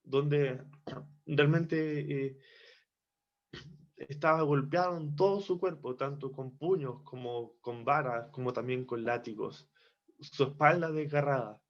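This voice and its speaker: A man giving a devotional Bible teaching from Chile, reflective and repeating phrases for emphasis. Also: mid-range voice. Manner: slow, reflective, with restarts and emphatic repetition. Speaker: preacher. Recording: dull lo-fi recording.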